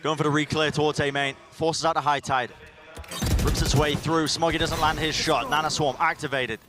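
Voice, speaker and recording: Male esports play-by-play caster, high voice, urgent clipped calls over music. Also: flat delivery, normal speed. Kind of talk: live esports commentary.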